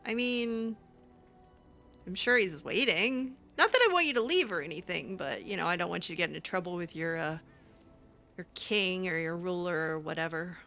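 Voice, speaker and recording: A game streamer improvises as her character over a fantasy game, speaking casually with a hesitant, sassy manner. Her lowish voice is pushed and bright at a moderate pace, with soft music in the background.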